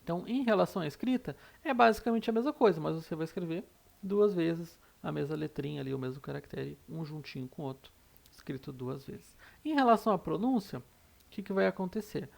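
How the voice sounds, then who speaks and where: A Brazilian-accented teacher talks through an online language lesson at a middle pitch. The voice has a gravelly, fry-laden edge. They lay out each rule patiently and keep checking in with short tag questions. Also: animated, a little fast, darkish tone. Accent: Brazilian Portuguese. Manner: explanatory, with frequent "né?" tag questions; repeats rules step by step.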